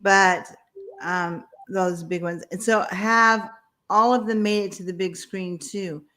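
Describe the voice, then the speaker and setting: A woman's voice: mid-range voice, fairly even intonation, slow pace, pushed and bright. A woman hosting an interview, chatting casually and asking the guest curious questions. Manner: curious, asks probing questions. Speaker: host.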